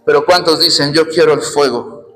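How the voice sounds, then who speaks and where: A Mexican pastor with a Mexican accent delivers a fiery, joking sermon in a high, bright register, calling out to his congregation again and again. Music plays steadily behind him in the church. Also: fairly even intonation, moderate pace, poor audio. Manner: fiery, humorous preaching, addresses congregation as hermano.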